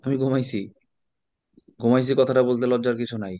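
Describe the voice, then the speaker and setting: A man's voice: medium pitch, steady tone, fairly quick, warm tone, no room sound. A middle-aged man with a Bangladeshi Bengali accent, teaching an online exam prep class in a chatty way, telling anecdotes and sprinkling in English words.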